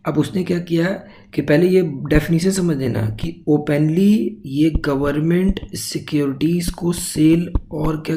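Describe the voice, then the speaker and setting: A man's voice: on the high side, dark tone, a little hiss or hum, low-quality recording. A male exam-prep teacher giving an explanatory lecture, walking through each step and asking then answering his own questions, with English terms mixed into his talk. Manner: mixes English terms into Hindi.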